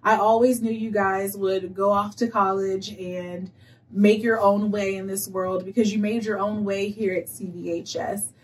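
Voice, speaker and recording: A woman's voice: mid-range voice, level tone, a little slow, recorded from a distance. A young woman teacher giving a chatty, playful congratulation message to her former students, indoors. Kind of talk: celebratory video message. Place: indoor school room, seated.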